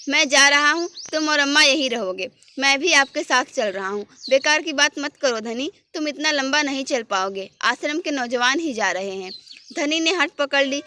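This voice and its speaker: Woman teacher, bright and crisp, reads a story aloud with light character voices. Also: sits high. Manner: expressive reading, voicing characters lightly. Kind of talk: reading a textbook story aloud for exam prep.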